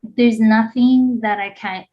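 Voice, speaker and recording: A woman in her thirties who grew up in Hawaii co-hosts a podcast, telling a personal story in casual, rambling chat peppered with "like." Her voice is fairly high, steady and slow, and the recording has a slightly dull lo-fi quality.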